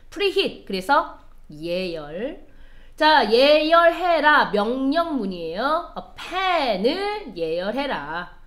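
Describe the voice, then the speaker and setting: A woman with a high-pitched, somewhat bright voice teaches an English lesson in a classroom lecture. She explains line by line and quizzes her students as she goes.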